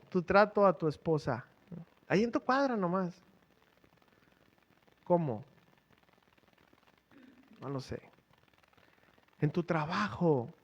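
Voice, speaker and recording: Brief: middle-aged male preacher, chatty sermon delivery, fairly high voice. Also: a bit bright. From Mexico. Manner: conversational preaching, quizzes the congregation with rhetorical questions. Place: church.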